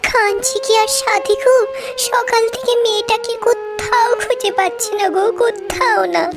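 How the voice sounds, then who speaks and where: A very high, gravelly-edged voice of a frantic village mother in a cartoon horror story, played by a woman. She wails and pleads over background music. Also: fairly even intonation, normal speed. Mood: distraught. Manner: wailing, pleading. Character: distraught village mother searching for her daughter. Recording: music behind the voice.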